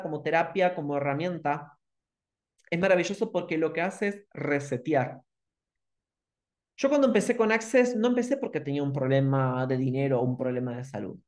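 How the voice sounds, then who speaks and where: A man with a Rioplatense Spanish accent teaching an online masterclass, animated and repeating questions with emphasis. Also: a little high.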